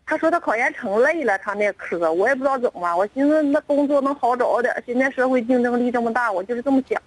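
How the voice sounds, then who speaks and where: Female caller, middle-aged, Northeastern Chinese accent, quick casual delivery, dry phone-in recording. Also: a little high, no room sound, low-quality recording. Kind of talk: casual phone call seeking advice.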